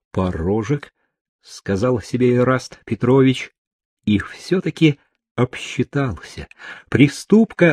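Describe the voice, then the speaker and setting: A man reading an adventure novel aloud as an audiobook narrator, dramatic and expressive, voicing the characters' cries with a raised voice. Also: mid-range voice, husky, no echo, clean studio sound.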